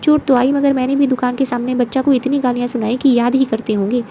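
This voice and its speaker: A woman voicing a flattering, talkative male servant who bows and scrapes to his mistress. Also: high-pitched, fast, slight background noise. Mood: fawning. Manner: obsequious, keeps addressing his mistress as huzoor.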